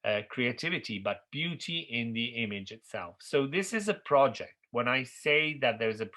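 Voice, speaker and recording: Bright-voiced lecturing man, Italian native. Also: mid-range voice, animated, moderate pace. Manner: thinks aloud with frequent fillers and restarts, checks in with "okay?". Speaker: university lecturer. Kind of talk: architecture history lecture.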